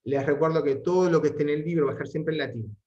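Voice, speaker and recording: A man giving an online Latin lesson, explaining grammar patiently and reading Latin sentences aloud slowly. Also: a little high, darkish tone, muffled recording. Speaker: Latin teacher.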